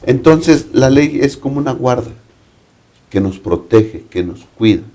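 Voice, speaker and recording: Un hombre mexicano que explica un texto bíblico en un panel, con preguntas retóricas. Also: male voice, mid-range voice, animated, unhurried, mellow. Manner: explanatory, asks rhetorical questions. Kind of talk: Bible study panel discussion.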